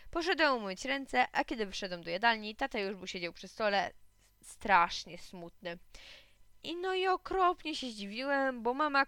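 A bright woman reading a children's story. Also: mid-range voice, clear, resonant tone, no echo, clean studio sound. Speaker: reader.

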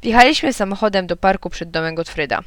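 A woman reading a children's storybook aloud in a lively way, narrating as a small boy. Her voice is smooth and resonant, and the recording is dry and close, with no room sound. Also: mid-range voice, fast talker, dry recording. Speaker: audiobook reader. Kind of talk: children's audiobook narration, told as a young boy.

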